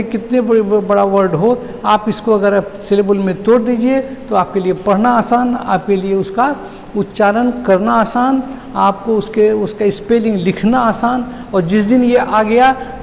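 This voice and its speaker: A man teaching a classroom English lesson, drilling words slowly syllable by syllable and asking the class questions. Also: high voice, vocal fry, a little mellow, long reverb tail, slight background noise.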